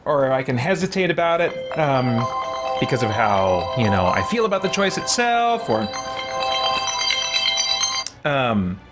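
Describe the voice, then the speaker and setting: A man hosting a let's-play talks in a mid-range voice with big pitch swings, unhurried and with long pauses, while music plays behind him. He muses casually to viewers, his thoughts coming out hesitant, looping and full of qualifications.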